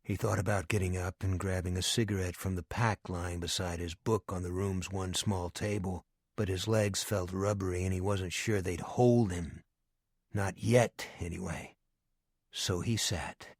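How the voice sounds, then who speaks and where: Man, audiobook narration, measured and hushed, lowish voice, dry close recording. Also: fairly even intonation, husky, no echo.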